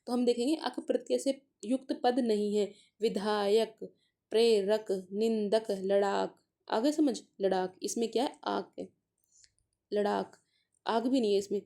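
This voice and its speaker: A woman teaching a casual grammar lesson for exam preparation, working through paper questions and sounding out letters and words slowly to explain them. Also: mid-range voice, steady tone, vocal fry, warm tone. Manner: mixes English words into explanations.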